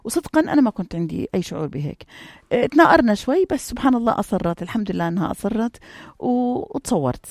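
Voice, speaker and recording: A woman's voice: medium pitch, lively intonation, racing, darkish tone, no room sound. A middle-aged woman, an interview guest earnestly and emphatically telling her personal story. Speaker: interview guest, cancer survivor.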